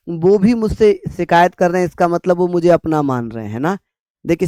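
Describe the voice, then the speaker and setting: Man lecturing students, high smooth voice. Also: darkish tone, no room sound. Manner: calls students brother and sister, repeats points, asks "clear?". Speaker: teacher. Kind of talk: online exam-prep lecture.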